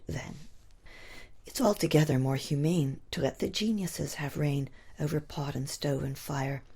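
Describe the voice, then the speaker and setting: A woman poet recites her own rhyming verse in a low, husky, breathy voice. Her phrasing is expressive and sometimes sinks into a whisper.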